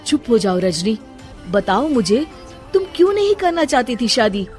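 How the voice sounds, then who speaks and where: A woman's voice: on the high side, very animated, normal speed, faint music behind. A woman voicing a concerned young husband in a cartoon story, pleading with his wife. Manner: questioning, pleading. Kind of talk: cartoon voice acting.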